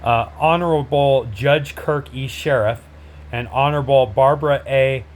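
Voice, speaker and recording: Man, direct-to-camera address, blunt, confrontational, halting with fillers, mid pitch, faint room hum. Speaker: host, a father speaking out.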